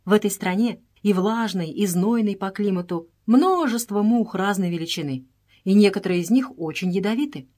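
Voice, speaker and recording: Give me a woman playing a calm, brisk male doctor with dry wit. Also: medium pitch, close to an everyday voice. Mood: matter-of-fact.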